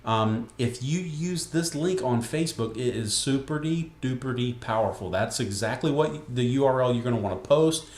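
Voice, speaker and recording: A man's voice: medium pitch, animated, moderate pace, hardly any pauses, a little mellow. A man walking viewers through a web page in a casual screen-recorded tutorial, folksy and joking as he goes. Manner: chatty and folksy, with jokes and asides. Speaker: software tutorial presenter. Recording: echoey room.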